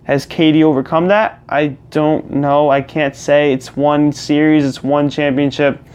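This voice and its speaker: Young male channel host, slightly high voice, smooth and clear, rambling casual rant into his own mic. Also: level tone, measured pace, a little mellow, highs cut off. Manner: rambling, restarts and repeats himself. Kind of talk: casual ranting monologue. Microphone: personal mic.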